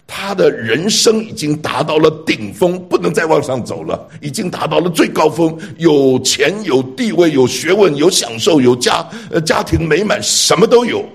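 Gravelly, husky preacher. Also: male voice, a little high, moderate pace, few pauses. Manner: animated, rhetorical questions, stammered restarts. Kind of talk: sermon storytelling.

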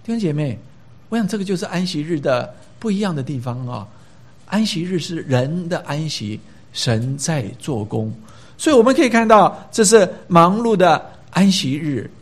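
Male pastor, slightly high voice, emphatic sermon delivery with scripture reading, hesitant fillers. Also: expressive, normal speed. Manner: emphatic, rising for stress, with frequent filler hesitations.

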